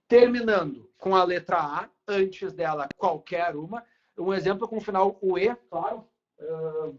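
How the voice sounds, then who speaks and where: A male teacher with a Brazilian Portuguese accent, giving a grammar lesson at a board, drawing out key words slowly and often checking in with the students. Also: high voice, highs cut off.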